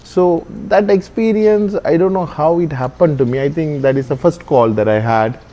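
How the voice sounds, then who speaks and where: A man from Sri Lanka, a Jesuit priest earnestly telling the story of his vocation with frequent pauses and fillers. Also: a little high, dark tone, dull audio. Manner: earnest, often slowing and hesitating with fillers. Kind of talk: reflective personal storytelling.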